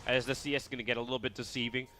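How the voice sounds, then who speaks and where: A man doing live esports play-by-play commentary, excitable and rising to shouts at big plays. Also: medium pitch, very fast, slight background noise.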